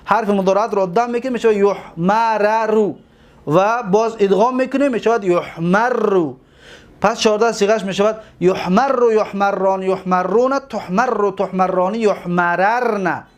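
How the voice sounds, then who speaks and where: A man teaching a grammar lesson, reciting long memorized verb lists in a steady rhythm and stopping to explain each step. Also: high voice.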